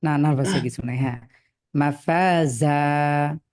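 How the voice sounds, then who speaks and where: A man teaching Quran reading over a video call, patiently but firmly correcting students and spelling letters slowly. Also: fairly high pitch, gravelly, dark tone, no echo, clean studio sound. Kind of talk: online class, correcting students.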